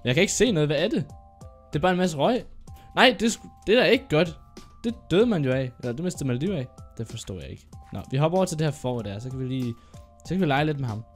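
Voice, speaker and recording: A young man with a sore throat and an occasional cough, giving chatty, excitable gameplay commentary as he narrates his own moves. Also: fairly high pitch, faint music behind. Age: young adult. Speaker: gaming YouTuber.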